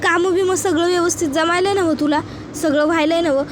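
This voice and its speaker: A caring older sister from a village, voiced by a woman storyteller, who fusses over her sibling in a rustic dialect. The voice is high and close to the reader's own. A faint background hum runs underneath. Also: steady tone, fast talker. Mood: fond.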